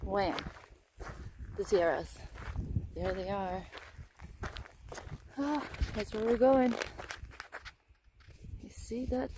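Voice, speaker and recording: A woman filming a casual vlog outdoors on a hiking trail, talking in an excited, exclaiming way. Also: medium pitch, very slow, pauses often. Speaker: vlogger hiking a long trail. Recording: outdoor recording with clear background noise.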